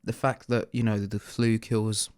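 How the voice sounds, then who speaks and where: A man's voice: lowish voice, flat delivery, measured pace, a little mellow, smooth, no room sound, studio quality. A man co-hosting a podcast in casual chat, hesitant with lots of fillers and a sarcastic edge. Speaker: podcast co-host.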